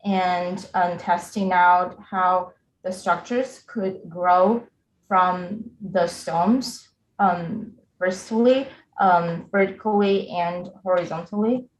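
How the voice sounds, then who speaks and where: A young woman presents her project over a video call at a slow, careful pace, often stopping on filler sounds and restarting words. Her voice sits low for a woman. The call audio sounds echoey, with a faint hiss behind it. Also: steady tone. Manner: hesitant, with many filler "um"s and word restarts. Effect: heard over a video call. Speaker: student presenting remotely. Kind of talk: presenting a design project in a review.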